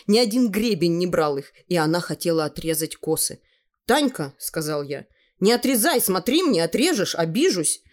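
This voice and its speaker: Woman reading a story aloud, lowish voice. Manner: measured, expressive reading. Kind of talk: literary audiobook narration.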